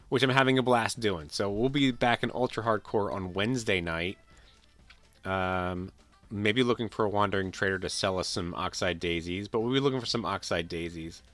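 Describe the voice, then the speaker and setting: A male streamer, nasal and audibly ill, rambles to his viewers while finishing up a game, restarting sentences and repeating words in casual chat. His pitch is fairly low with a fairly bright tone, captured in a dry recording.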